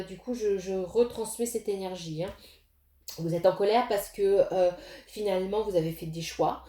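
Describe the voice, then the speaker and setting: A woman's voice: medium pitch, dark tone, reverberant. Hesitant woman reading tarot to camera. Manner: hesitant, many fillers and restarts, addresses viewers directly. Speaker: tarot reader.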